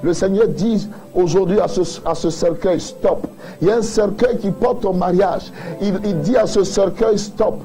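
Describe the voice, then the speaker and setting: A pastor preaching a sermon, building emphatic repeated refrains and addressing the listener directly. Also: male voice, high-pitched, normal speed, hardly any pauses, mellow, faint music behind, rough recording.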